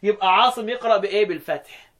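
A man with an Egyptian Arabic accent teaching Quran recitation rules, chanting verses slowly and quizzing his student. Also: sits high, fairly bright tone. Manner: chants quoted verses slowly, then asks quick questions.

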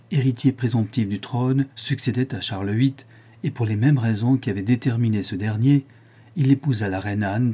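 A man reading a story aloud as its narrator, in a measured, even way. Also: on the low side, breathy edge. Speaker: reader. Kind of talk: scripted narration.

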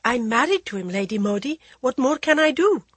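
A woman's voice: high voice, animated, fairly quick, fairly bright tone, husky, no room sound, voice pushed up, full character voice. A woman voicing a timid, sheltered young princess bride who speaks hesitantly and fearfully.

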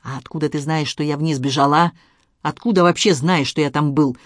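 A man's voice: fairly high pitch, a little fast, no room sound, studio quality, close to an everyday voice. A man reading an audiobook, voicing an enraged male police officer who swears and threatens. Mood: hostile. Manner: shouting, swearing, desperate.

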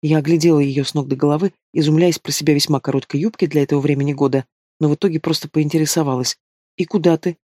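A man reading a first-person story aloud as an audiobook narrator, in steady, even storytelling. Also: on the high side, very fast, dry recording, clean studio sound. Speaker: audiobook reader.

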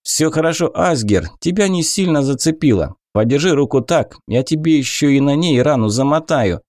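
Guy reading as a gentle young fighter, soft reassuring tone, dry audio. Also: a little high, lively intonation, moderate pace, dry recording, pitched above the performer's own voice. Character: kind young male warrior.

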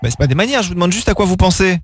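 A fake-polite prank caller, as a man puts him on, talking very fast in a fairly high voice. He keeps an innocent tone while asking rude questions. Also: lively intonation, breathy edge.

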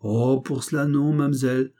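A man's voice: mid-range voice, fairly even intonation, a little fast, dark tone, voice pushed up, close to an everyday voice. A man reading the lines of a poor, melancholy young peasant in love, in an earnest, grave and hesitant manner. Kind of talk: audiobook character reading.

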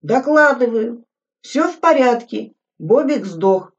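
A woman voicing a calm, unhurried male corporal with a dry, deadpan manner. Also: fairly high pitch, voice pushed up. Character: calm, lazy, wry male corporal soldier. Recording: dull audio from a distant mic.

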